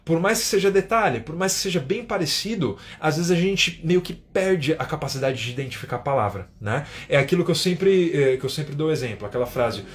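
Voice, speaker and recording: A man's voice: fairly high pitch, expressive, a little fast, hardly any pauses. Chatty Brazilian man teaching English. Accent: São Paulo Portuguese. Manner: chatty, keeps adding tag questions. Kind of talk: live-stream English lesson.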